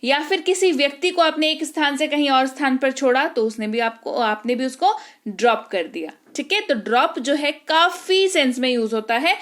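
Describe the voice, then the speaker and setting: A woman teaching a vocabulary lesson, reading each Hindi word and then its English meaning slowly and deliberately, checking in with the learners now and then. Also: a little high. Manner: explains with rising checks.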